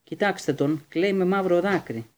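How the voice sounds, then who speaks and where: A man's voice: high voice, voice pushed up, lightly acted. A man reading as a sneering schoolboy bully.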